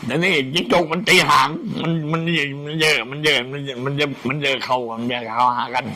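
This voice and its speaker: A man's voice: mid-range voice, quick pace. An older man, a senior monk, telling stories casually in a rambling old man's way, often repeating his words. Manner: animated. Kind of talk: casual storytelling.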